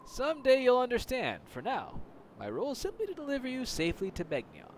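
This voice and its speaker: Fields: Figure: a man voicing a wise, cryptic older sea captain. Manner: measured, formal. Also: extremely high pitch, huge pitch swings, a little hiss or hum, voice pushed up, heavily acted. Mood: solemn. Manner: measured, formal, with a loosely improvised accent. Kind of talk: reading game dialogue aloud.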